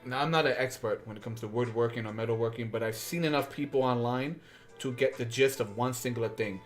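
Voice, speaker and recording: A man's voice: mid-range voice, fast talker. A man chatting casually while working on a craft build, rambling with fillers and asides. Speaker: craft streamer. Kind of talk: casual build-along chat. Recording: faint background music.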